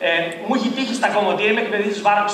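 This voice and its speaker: A man giving a lively seminar talk as a tourism trainer, animated and rising to near-shouts as he acts out quotes. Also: sits high, a crowd in the background. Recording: echoey hall from far off.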